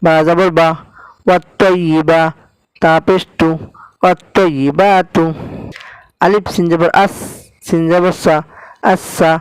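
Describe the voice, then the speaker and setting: A man's voice: high-pitched, level tone, slow, long pauses, clear, resonant tone, dry recording, low-quality recording. A man teaching recitation, spelling out each syllable and then blending it into the word, with a Bangladeshi Bengali accent. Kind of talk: slow spelled-out recitation lesson.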